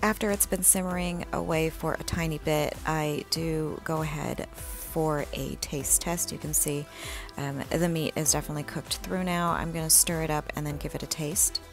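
Low-voiced woman narrating her home cooking. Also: normal speed, music in the background. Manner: relaxed, chatty, with frequent ums and small laughs. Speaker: home cook vlogger. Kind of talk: casual cook-along voice-over.

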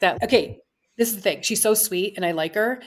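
A woman in her thirties hosting a podcast, chatting casually and telling a personal story with animated asides. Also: mid-range voice, a little fast, husky. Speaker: podcast host. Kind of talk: casual interview chat.

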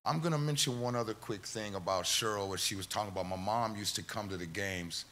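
A middle-aged man giving an emotional eulogy for his mother at a church memorial, halting and telling stories. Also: lowish voice, bright, forceful tone, a little hiss or hum. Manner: halting, tearful storytelling, quoting his mother. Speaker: eulogy speaker, son of the deceased.

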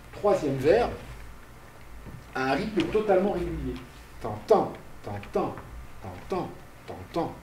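A male university lecturer giving a public lecture, speaking slowly, explaining step by step, asking and answering his own questions, and calling for the next slide aloud. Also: on the high side, darkish tone, a little hiss or hum. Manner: directs slide changes aloud. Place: lecture hall. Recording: roomy, distant lecture hall recording.

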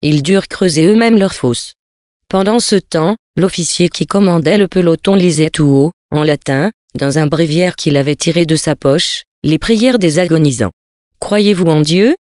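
A reader narrating a novel in a measured, grave storytelling tone. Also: mid-range voice, a little mellow, dry recording, clean studio sound. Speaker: audiobook reader.

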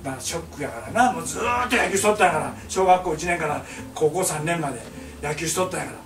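A man's voice: on the high side, animated, fast talker, a bit bright, echoey room, far from the mic, faint music behind. An older man with a Kansai accent telling a comic family story, acting out voices and laughing through his lines. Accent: Kansai Japanese. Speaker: painter telling stories to a small audience.

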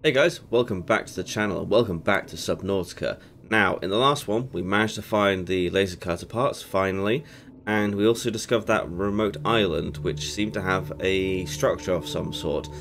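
A young British gaming channel host, a bit congested from a cold, chats and rambles through a casual let's play at his indoor home setup, often correcting himself. His low voice is gravelly and a little bright, at normal speed. Game music plays beneath his voice.

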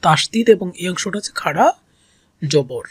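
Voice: mid-range voice, lively intonation, moderate pace, slightly rough, dry recording. A reading teacher in a step-by-step lesson, sounding out syllables one at a time, repeating each and drawing out the long vowels. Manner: patient, repeats each syllable several times.

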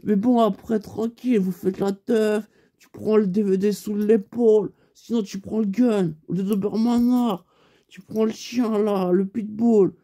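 A man's voice: high-pitched, steady tone, unhurried, dark tone. A man telling a rambling comic story in street slang, acting out both sides of the dialogue. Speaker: comedian.

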